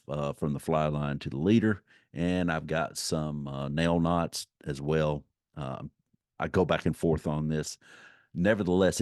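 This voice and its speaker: Very deep-voiced man, folksy instructor. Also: darkish tone, no echo, clean studio sound. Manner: folksy, rambling, circles back to repeat points. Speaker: fly-fishing instructor. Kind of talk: informal unscripted instructional talk.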